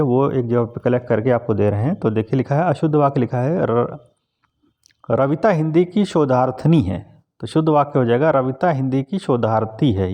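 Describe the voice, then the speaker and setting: A man teaching an exam class on spelling correction, calmly going through each word and repeating its correct form. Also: mid-range voice. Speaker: Hindi exam tutor.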